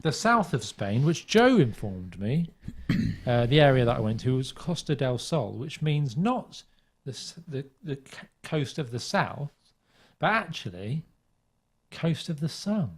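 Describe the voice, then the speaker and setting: A man's voice: medium pitch, sing-song, measured pace, husky. An English man co-hosting a podcast, telling stories in a rambling casual chat and often correcting himself mid-sentence. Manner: rambling, self-correcting storyteller. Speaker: podcast co-host.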